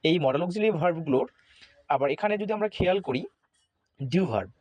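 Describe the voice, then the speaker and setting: A man with a Bangladeshi Bengali accent teaching an English grammar lesson, slow and deliberate, spelling words out letter by letter. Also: on the high side, expressive, a little mellow.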